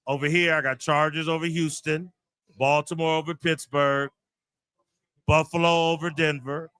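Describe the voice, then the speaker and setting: A man with a bright, fairly high voice hosts a laid-back podcast chat. He runs through picks in quick back-and-forth questions, recorded close and dry. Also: dry recording. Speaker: podcast host. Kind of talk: casual chat.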